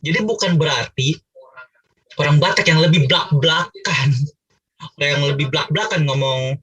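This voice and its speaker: A man's voice: a little high, moderate pace, pushed and bright, slightly rough, far from the mic, muffled recording. A man from Manado leading a casual Bible discussion for a cell group, chatty and teasing with many fillers.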